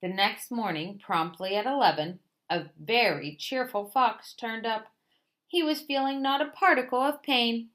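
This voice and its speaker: A woman reading a children's picture book aloud in an expressive storytelling way. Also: fairly high pitch, measured pace.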